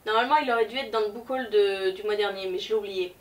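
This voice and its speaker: A medium-pitched woman talks fast while presenting her book haul, chatty yet hesitant and full of fillers. She's a book vlogger, and the recording comes from a distant mic with a little background noise.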